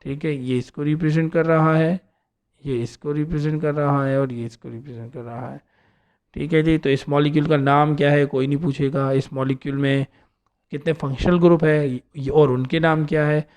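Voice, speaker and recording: A man's voice: a little high, fairly even intonation, normal speed, darkish tone, smooth. A man teaching an organic chemistry lesson, explaining step by step and often checking in with his students. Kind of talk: classroom lecture.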